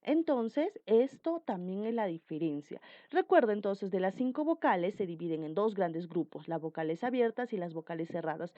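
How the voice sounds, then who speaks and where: Lively, animated woman teaching. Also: medium pitch, dry recording, lo-fi sound. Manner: slow, emphatic explaining with repeated examples. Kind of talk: Spanish grammar lesson.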